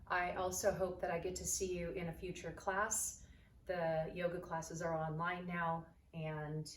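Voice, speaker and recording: A woman yoga instructor leading an exercise lesson, energetic and coaxing, out of breath as she bounces on a trampoline while she talks. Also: low-pitched, slight background noise. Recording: roomy, distant camera mic, faint ambience.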